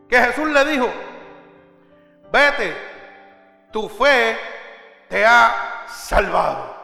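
A man preaching a fervent evangelical sermon, swinging from loud urgent calls to low hushed prayers. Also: vocal fry. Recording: echoey hall with long reverb. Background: soft music.

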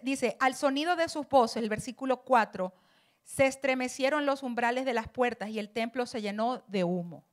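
High-voiced woman preaching a sermon. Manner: passionate, rising to emphatic cries.

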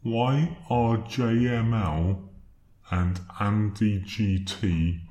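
Guy with a slowed down deep voice, dragging slow and low, fussy literal-minded podcast banter. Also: steady tone, warm tone. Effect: slowed-down, deepened voice. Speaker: podcast co-host.

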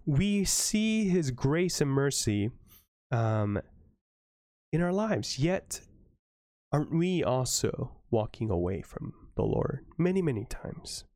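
A man leading a Bible study, reading scripture aloud and breaking off for earnest, excitable asides and self-corrections. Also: medium pitch, takes it slowly, no room sound, clean studio sound. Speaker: Bible study leader reading to a live audience. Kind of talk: Bible reading with informal commentary.

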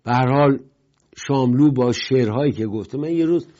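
Mellow-voiced male political commentary host. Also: mid-range voice. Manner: rambling, digressive storytelling with emphatic swings in loudness. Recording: dull lo-fi broadcast sound.

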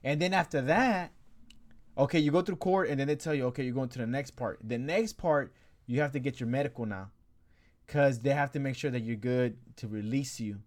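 A man's voice: mid-range voice, moderate pace. A young man telling a long story in casual chat, slangy and rambling, laughing as he goes. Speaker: storyteller among friends.

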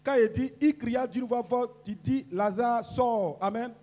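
A man preaching as pastor, leading a congregation in call-and-response prayer, switching between quiet instructions and shouted declarations. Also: extremely high pitch, unhurried. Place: church service. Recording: loud worship music underneath.

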